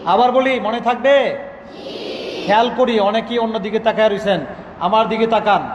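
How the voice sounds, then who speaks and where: A man's voice: sits high, highs cut off. A male Quran teacher from Bangladesh drilling letter sounds with children in a classroom, calling for repetition. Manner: drills syllables slowly, calls for repetition. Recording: echoey hall, children and noise behind.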